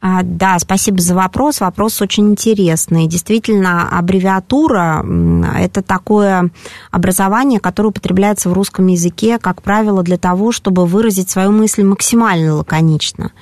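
A woman answering listeners' language questions on a radio call-in, speaking in a measured, explanatory way with frequent hesitant pauses. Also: medium pitch, a little mellow, dry recording. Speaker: language expert answering callers.

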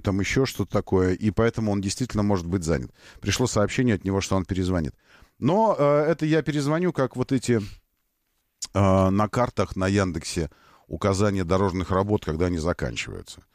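A man's voice: fairly low pitch, darkish tone, no room sound, studio quality. A man hosting a casual radio talk show, joking and ironic as he chats with his co-host. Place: radio studio.

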